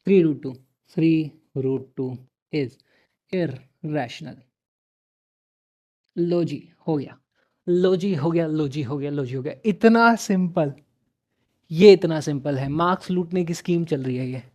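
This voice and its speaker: A man's voice: a little high, slow, pauses often, a little mellow. A young man teaching a math class online, chatty and encouraging, switching freely between Hindi and English. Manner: chatty, mixes Hindi and English, addresses students as friends.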